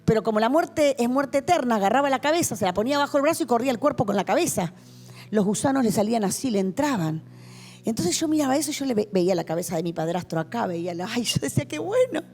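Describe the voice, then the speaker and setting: A woman's voice: on the high side, animated, quick pace, darkish tone, slight background noise. A woman pastor with a Rioplatense Spanish accent, giving a passionate testimony sermon to a youth meeting in a church hall. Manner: passionate, vivid storytelling.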